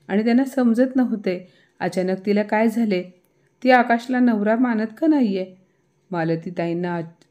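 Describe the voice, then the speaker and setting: A woman storyteller narrating a scripted family moral story in a steady, even way. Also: fairly low pitch.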